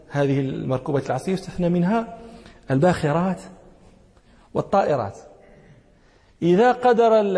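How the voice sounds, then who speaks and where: A warm, high-sitting male voice belongs to a sheikh teaching hadith. He explains the text, restates important phrases and confirms the class understands, all under a long hall reverb.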